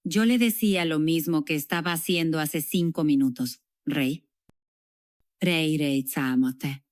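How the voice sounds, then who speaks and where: A woman telling her own story for a documentary in a reflective, measured way, as a dubbed voice-over. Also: low voice, darkish tone, dry recording, clean studio sound. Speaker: interviewee recounting her past.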